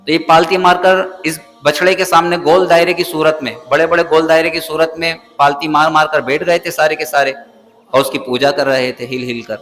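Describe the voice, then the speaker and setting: A man's voice: on the high side, flat delivery, fairly bright tone. Male scholar chanting verses in echoing hall. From Pakistan. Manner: chants verses melodically, then translates and explains plainly. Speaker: Islamic scholar teaching the Quran. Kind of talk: Quran lesson with recitation and explanation. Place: mosque. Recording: long hall reverb, faint music behind.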